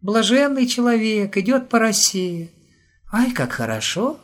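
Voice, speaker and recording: A man's voice: very animated, a little slow. A man doing a wailing old village granny. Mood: excited. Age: older. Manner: high, sing-song, wailing. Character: superstitious, fearful old village woman.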